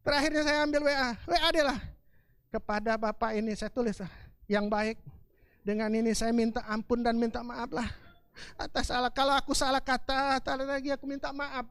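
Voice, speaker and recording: A woman with a Palembang accent preaching a sermon in a colloquial, animated storytelling way. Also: fairly high pitch, fairly quick, smooth, no echo. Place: church service.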